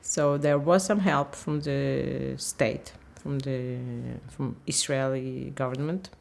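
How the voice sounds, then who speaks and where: A woman in her fifties from Ukraine, speaking English, talks haltingly in a candid interview and often searches for words. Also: a bass voice, steady tone, gravelly, darkish tone. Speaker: interviewee, language teacher.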